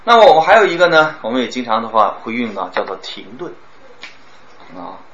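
Animated man teaching a speech class. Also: medium pitch. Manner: animated, demonstrates words with exaggerated stress and pauses. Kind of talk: classroom lecture on speaking. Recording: roomy, dull, some background noise.

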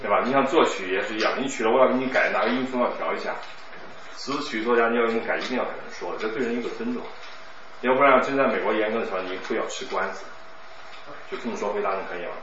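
A man's voice: lowish voice, racing, fairly bright tone. A middle-aged man teaching recitation, coaching a student and answering questions in a chatty, teasing way. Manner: chatty, teasing, laughs often. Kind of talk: classroom coaching and Q&A. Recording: echoey, distant, muffled room with noise.

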